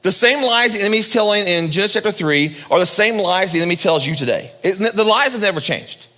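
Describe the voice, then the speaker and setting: A pastor preaching a sermon at a pulpit microphone, swinging from loud high emphasis down to low hushed lines. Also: male voice, animated, quick pace, big-room sound.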